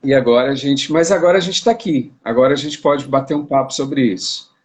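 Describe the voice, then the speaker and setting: A man's voice: mid-range voice, a little fast. Man, from Brazil, live-stream host, chatty with restarts, phone mic. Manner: chatty, repeats words and restarts. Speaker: interviewer hosting a live stream. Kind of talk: casual live-stream chat. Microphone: phone on a live video stream.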